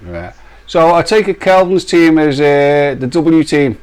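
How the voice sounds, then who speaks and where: A man with a slightly raised voice chats loosely on a live stream, joking and teasing his co-host. He laughs often and ribs viewers in a relaxed, playful way. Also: a little high, measured pace, smooth. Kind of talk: casual live-stream banter.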